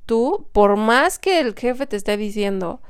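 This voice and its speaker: A woman's voice: fairly high pitch, expressive, measured pace, smooth, dry recording, clean studio sound. A woman with a Mexican accent coaching listeners in a colloquial, emphatic instructional audio. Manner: colloquial and emphatic, acts out inner voices. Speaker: self-help coach.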